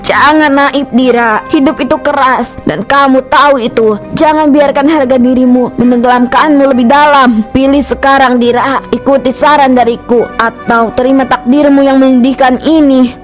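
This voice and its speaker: A woman's voice: fairly even intonation, faint music behind, lightly acted. Sinister coaxing witch, voiced by a woman. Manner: slow, low and coaxing. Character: sinister female witch tempting with dark offers. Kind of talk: cartoon voice acting.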